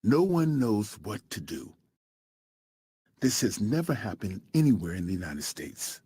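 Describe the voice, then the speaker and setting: A man narrating a true story in a scripted, dramatic storytelling style, slowing down for emphatic pauses. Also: fairly low pitch, very animated, mellow, breathy edge, no room sound.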